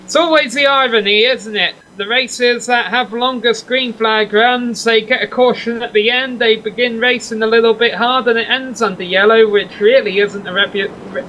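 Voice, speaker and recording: A male race commentator with a high, bright and forceful voice, chatty and given to wry asides. He calls the action over a faint hiss of background noise. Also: normal speed, rough recording. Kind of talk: sim racing play-by-play commentary.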